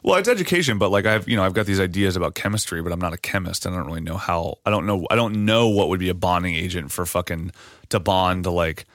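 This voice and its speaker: A man's voice: sits low, fairly even intonation, quick pace, a bit bright, dry recording, clean studio sound. A man hosting a podcast in casual chat, rambling through ideas with restarts and frequent swearing. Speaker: podcast host.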